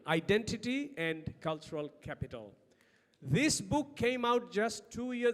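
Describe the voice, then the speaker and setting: A middle-aged man with a Bangladeshi accent gives an emphatic conference presentation, often posing rhetorical questions. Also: high-pitched. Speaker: academic conference speaker. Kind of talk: lecture-style conference presentation. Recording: long hall reverb on speech.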